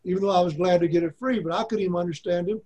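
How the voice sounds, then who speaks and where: A man's voice: sits high, racing, dark tone. A man in his seventies from Arkansas with an Arkansas accent, teaching a Bible class in a folksy way and repeating his points for emphasis.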